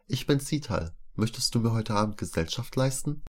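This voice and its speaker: A man voicing a kind, mystical young female traveler, calm and gently questioning. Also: fairly low pitch, moderate pace, voice pushed up. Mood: friendly, curious.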